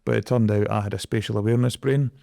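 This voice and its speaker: Gravelly Scottish man, earnest guest. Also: on the low side, fairly even intonation, fast talker, dark tone, dry recording, studio quality. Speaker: guest, energy project director. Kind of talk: conversational interview.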